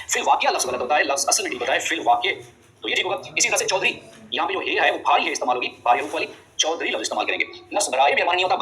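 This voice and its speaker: A male teacher, giving a quick exam-prep spelling lesson, repeating rules and reminding students to remember them. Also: fairly high pitch, sharp tone, poor audio. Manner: quick, drilling explanations with frequent reminders.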